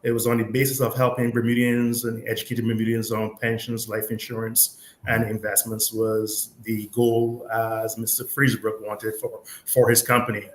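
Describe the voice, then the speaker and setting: A man in his fifties from Barbados, a pension expert, calmly explaining money matters on a talk show with many fillers. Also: on the low side, normal speed. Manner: calm, explanatory, with frequent fillers. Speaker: pension and investments guest expert. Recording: echoey room with faint noise.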